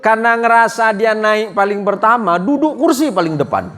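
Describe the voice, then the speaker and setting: A male preacher telling a humorous story to a congregation in an animated way. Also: high voice, moderate pace. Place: gathering with a live audience. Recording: faint audience laughter.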